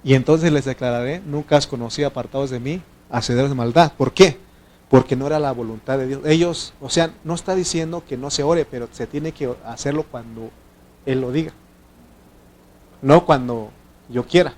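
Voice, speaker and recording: Mexican pastor preaching with rhetorical questions. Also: male voice, normal speed, slight background noise. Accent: Mexican Spanish. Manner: conversational preaching with frequent rhetorical questions to the congregation; acts out quoted prayers and dialogue with sudden louder, higher bursts. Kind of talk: sermon.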